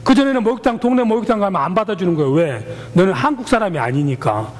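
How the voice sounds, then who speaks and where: Cast: a male pastor, chatty and animated sermon, echoey hall. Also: high voice, quick pace. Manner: colloquial, animated storytelling.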